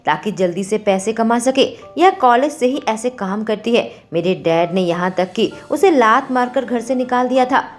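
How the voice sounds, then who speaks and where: A woman's voice: fairly high pitch, animated, normal speed, few pauses, lightly acted. A woman voicing a scheming, jealous ex-wife who speaks with spite, in a storybook reading, with faint music behind. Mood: spiteful. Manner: spiteful, sneering.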